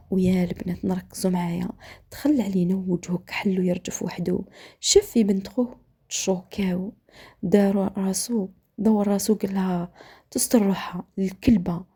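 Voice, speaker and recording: A woman with an Algerian accent telling a dramatic story while cooking, often dropping to a hushed whisper, with a gravelly voice. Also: medium pitch.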